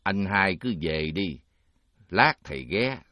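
A man playing a calm Buddhist monk who speaks measured and preaching. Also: low-pitched, no echo, clean studio sound, full character voice.

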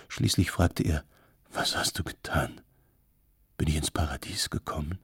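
A man narrating an audiobook in a calm, measured storytelling manner. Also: lowish voice, creaky, slightly rough, no echo, clean studio sound. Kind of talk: scripted narration.

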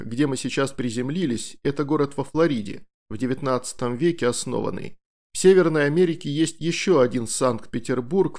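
A man reading a first-person novel as scripted audiobook narration in a measured, clearly enunciated way. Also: medium pitch, darkish tone.

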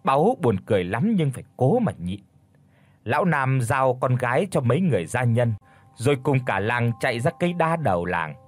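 A man narrating a folk ghost story in a dramatic, expressive way. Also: medium pitch, normal speed, no echo.

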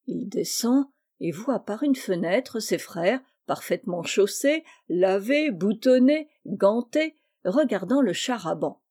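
A woman narrating a classic children's story as an audiobook, in a measured, expressive manner. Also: medium pitch, slightly rough.

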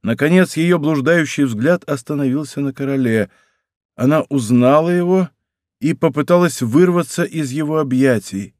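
A man narrating a historical novel in a measured, dramatic reading, recorded in a studio. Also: on the high side, a little mellow, no echo. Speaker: audiobook narrator. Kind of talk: scripted narration.

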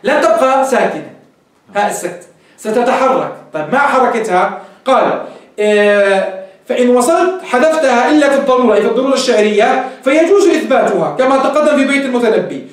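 A man's voice: very high-pitched, lively intonation, quick pace. A man teaching a grammar lesson, explaining step by step and quizzing his class. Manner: explains step by step, asks the class questions and answers them. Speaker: sheikh teaching Arabic grammar. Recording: very echoey room, mic far off.

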